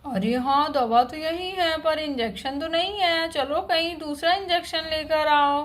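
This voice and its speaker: A bossy male doctor, played by a woman in her own high voice, who scolds his nurse and lays down the rules. His speech is stern and commanding. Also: a little slow.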